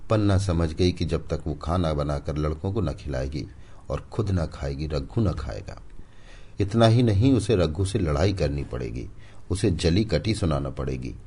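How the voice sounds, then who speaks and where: A man narrating a classic short story in an expressive, dramatic reading style. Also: a bass voice, breathy edge. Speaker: audiobook narrator.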